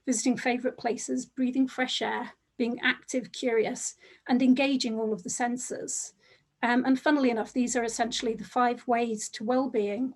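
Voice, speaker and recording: A woman presenting academic research over a video call in a measured, reflective way. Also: fairly high pitch.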